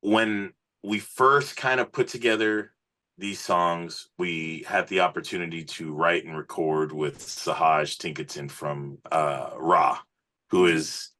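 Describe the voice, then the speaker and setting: In a slow, low-pitched voice with fairly even intonation and a sharp tone, a man speaks as a musician and singer guesting on a casual podcast interview. He sounds earnest and informal, often throwing in "man" and "you know".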